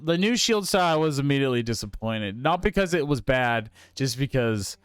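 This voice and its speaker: A man's voice: medium pitch, expressive, normal speed, clear, resonant tone, dry recording, studio quality. A man co-hosting a film podcast, talking casually and rambling with lots of fillers and restarts. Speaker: podcast co-host.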